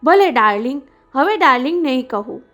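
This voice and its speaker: A woman reading as a smooth scheming man. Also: high voice, expressive, brisk, fairly bright tone, soft background music. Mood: flirty. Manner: coaxing, insistent questions. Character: smooth scheming middle-aged man, flirtatious and probing.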